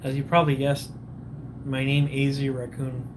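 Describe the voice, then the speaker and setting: A man's voice: medium pitch, monotone, normal speed, background noise. A man hosting a casual morning livestream, sipping coffee, greeting viewers and rambling, often losing his train of thought and restarting. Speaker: livestream host.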